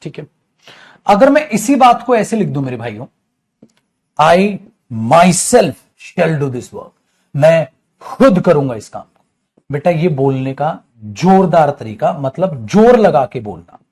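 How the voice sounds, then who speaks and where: A man teaching an English grammar lesson to students, in a lively manner, repeating example sentences slowly. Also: fairly high pitch.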